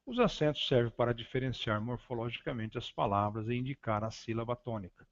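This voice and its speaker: Man, grammar teacher, slow deliberate reading, hesitant restarts, mid-pitched voice, muffled lo-fi recording. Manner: slow, deliberate, spelling out words with frequent hesitations. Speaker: Greek teacher. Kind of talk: grammar lesson reading from slides. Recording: dull lo-fi recording.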